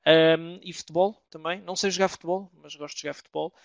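Portuguese guy giving a webinar, kinda high voice, dry close sound, keeps pausing. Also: fairly even intonation, creaky, no room sound, dull audio. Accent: European Portuguese. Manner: hesitant, many filler sounds and restarts. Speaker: webinar presenter. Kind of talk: presentation.

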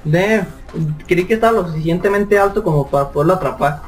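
High-voiced Mexican gamer, joking. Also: male voice, a little fast. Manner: joking, panicky "no, no, no" outbursts. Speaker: gameplay commentator. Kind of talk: let's play commentary. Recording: distant mic with loud game music. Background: game music.

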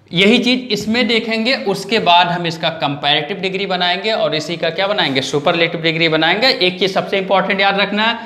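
A man's voice: high-pitched, bright, forceful tone, reverberant. A male English grammar teacher giving an online lesson in speech, who keeps asking questions and answering them himself. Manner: asks questions and answers them himself, repeats key points.

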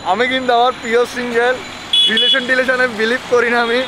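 A man's voice: very high-pitched, level tone, racing. A young man speaking through a face mask, joking and teasing a friend in casual banter. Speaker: vlogger's friend. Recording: loud crowd and street noise.

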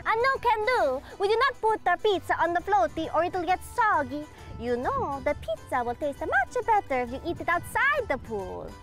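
A woman's voice: very high voice, sing-song, moderate pace, few pauses, fairly bright tone, heavily acted. A young woman playing a cheerful, teasing character on a kids' show, talking in a bubbly, sing-song way. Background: music.

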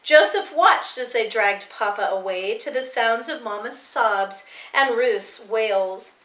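Bright-voiced woman teacher reading aloud. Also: fairly high pitch. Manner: expressive storytelling, dramatic pauses. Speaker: English teacher. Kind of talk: reading a novel aloud to students. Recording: echoey room.

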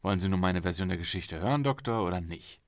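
A man's voice: sits low, animated, fast talker, dry recording, clean studio sound. A man as an irritated, weary arrested journalist. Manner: irritated, defensive. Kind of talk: audiobook reading.

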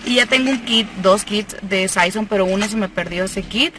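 A young cosmetics seller and vlogger from Mexico unboxes products in a parked car, chatting with enthusiasm and laughing often as her phone records from arm's length. Her voice is mid-range at a normal speed, with background noise present.

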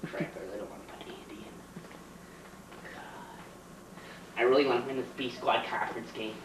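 A man's voice: medium pitch, flat delivery, fast talker, natural voice. Young man's teacher impression of a boastful coach, roomy sound. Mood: frustrated, urgent. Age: young adult. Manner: repetitive, self-important. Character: boastful, petty male high school basketball coach. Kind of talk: teacher impression, comedy skit. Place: home kitchen. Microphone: camcorder across the room. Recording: roomy, distant, hissy home camcorder.

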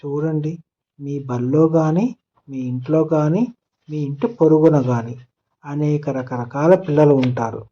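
A man narrating a children's moral story in a gentle storybook manner. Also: a little high, measured pace, lo-fi sound. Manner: gentle storybook telling, voicing characters' lines in turn.

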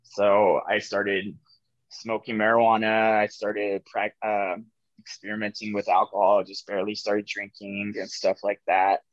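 Speaking unhurriedly over a video call webcam from an office room with ceiling lights, a twenty-something man from New Mexico, USA, tells his recovery story as a podcast guest. His lowish voice is soft-spoken, reflective and completely flat, sprinkled with "like" and "um." The sound is dull and dry, with no room sound.

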